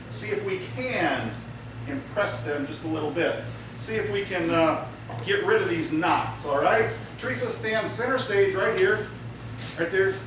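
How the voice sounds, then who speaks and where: A man working as a stage magician, giving jokey live show patter as he teases a volunteer and plays to the audience. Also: high voice. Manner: jokey showman teasing a volunteer, announcing to the crowd. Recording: echoey theater from far off, noisy.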